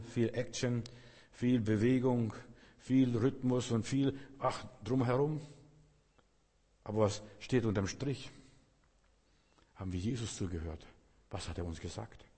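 A man delivers a sermon in an earnest, direct way, speaking straight to his listener. His voice is low and husky. The sound rings with a long reverb. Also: mellow. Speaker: preacher.

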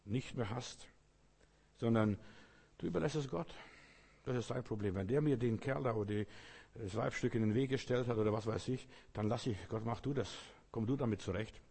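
Guy giving a homey sermon, kinda husky, lots of echo trailing off. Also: mid-range voice, normal speed, a little mellow. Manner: folksy, speaks directly to the listener as "du", repeats phrases. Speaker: preacher. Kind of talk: informal sermon. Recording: long reverb, as in a hall.

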